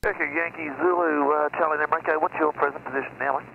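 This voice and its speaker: Gravelly pilot over aviation radio. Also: male voice, a little high, fast, slight background noise. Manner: relaxed radio talk with hesitations. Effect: aviation radio transmission. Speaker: pilot on the ground at an airstrip. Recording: muffled radio through headset.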